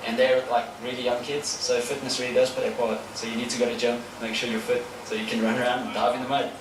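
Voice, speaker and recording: Here a man in his 30s answers interview questions casually outdoors, a paintball player who restarts often and leans on fillers. There's little pitch movement in his mid-range voice, and his pace is quick. The mic sits far off, leaving the sound echoey and noisy.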